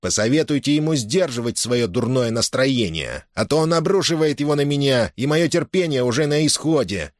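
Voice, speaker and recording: A man voicing a sly, spiteful hunchbacked servant who speaks in a sneering, drawn-out way. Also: mid-range voice, lively intonation, no room sound, studio quality, voice pushed up, natural voice. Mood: sullen.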